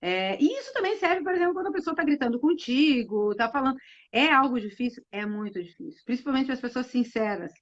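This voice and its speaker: A woman with a fairly high voice, talking reflectively and loosely, full of fillers and restarts. Her audio comes through a dull, muffled live stream. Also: expressive, brisk. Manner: reflective, many fillers and restarts, retells hadith with acted quotes. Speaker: co-host of Islamic live talk. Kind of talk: casual religious talk.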